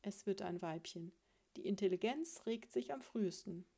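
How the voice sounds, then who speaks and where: A woman reading a storybook, voicing a prim, self-assured female sparrow who lectures her husband in a patronizing, gently scolding way. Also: mid-range voice, lively intonation, normal speed, vocal fry.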